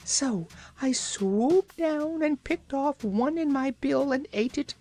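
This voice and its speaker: A woman voicing a tiny flying male creature called the Ark, in a very small, squeaky voice. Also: animated, slow pace, dark tone, full character voice. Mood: eager.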